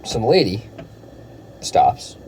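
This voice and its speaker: A man's voice: fairly low pitch, sing-song, drawn-out words, background noise. A man chatting casually in a vlog, telling stories loosely with lots of filler words, indoors. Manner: laid-back storytelling with filler words. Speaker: vlogger.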